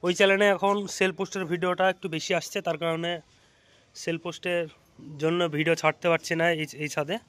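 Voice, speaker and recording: A man with a Bengali accent vlogs casually to camera from a rooftop, chatting and explaining as he feeds his pigeons. He has a high, smooth, fairly bright voice with a steady tone, and he talks fast.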